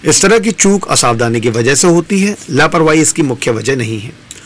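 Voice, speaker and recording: A man presenting a campus radio lesson on pronunciation, talking in a measured, explanatory way and stressing each example word. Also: fairly high pitch, expressive, a bit bright. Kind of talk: instructional talk on pronunciation.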